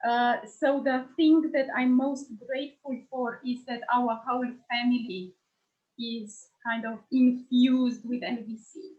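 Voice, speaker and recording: A woman's voice: on the high side, fairly even intonation, a little slow. A woman trainer sharing an earnest, thoughtful personal reflection over a video call. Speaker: nonviolent communication trainer. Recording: dull lo-fi sound.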